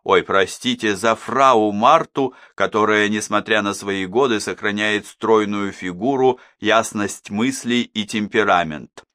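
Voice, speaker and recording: A man's voice: fairly low pitch, measured pace, hardly any pauses, sharp tone, no echo, clean studio sound. A man voicing a genial peacemaker who pours the wine and gives toasts. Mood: cajoling. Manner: cajoling, toasting.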